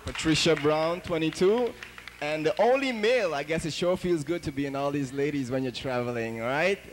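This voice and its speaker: An upbeat man with a slightly high voice hosts a studio TV show, keeping things moving with chatty banter. Light noise hangs in the background of the old recording. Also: expressive, normal speed. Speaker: TV show host. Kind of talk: hosting a TV dance show.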